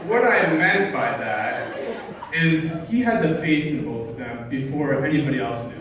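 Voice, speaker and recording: A man giving an informal, humorous best man speech at a wedding, joking along in a halting way and often correcting himself. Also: medium pitch, expressive. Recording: distant, very echoey, noisy room recording.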